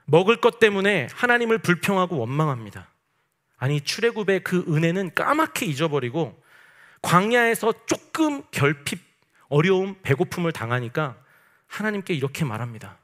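A man's voice: high voice, sing-song, moderate pace, a bit bright. A man preaching a night sermon as pastor, emphatic and asking the congregation rhetorical questions. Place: church service at night.

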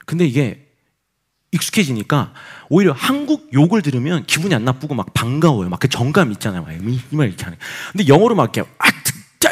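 A man's voice: fairly high pitch, slightly rough. A male pastor and missionary telling his story as a sermon testimony, acting out inner voices and quoted people.

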